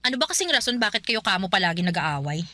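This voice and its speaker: An actress playing an exasperated older sister in a Filipino radio drama, blunt and scolding with a caring streak. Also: female voice, medium pitch, very animated, fast, bright, forceful tone, no room sound, clean studio sound. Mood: needling. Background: music bed.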